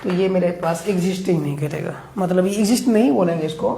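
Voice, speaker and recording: Gravelly maths teacher in echoey room. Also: male voice, sits high, quick pace, dark tone. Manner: chatty, keeps checking in with students. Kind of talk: board lesson explaining steps. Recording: echoey room, faint background noise.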